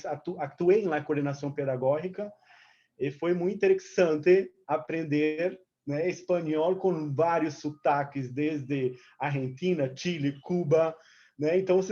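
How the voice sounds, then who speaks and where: Heard over a dull, lo-fi online call, a Brazilian woman whose first language is Portuguese speaks as an activist and representative of a movement. Her deep, mellow voice is unhurried as she gives an informal seminar talk. She mixes Portuguese and Spanish and gropes for words.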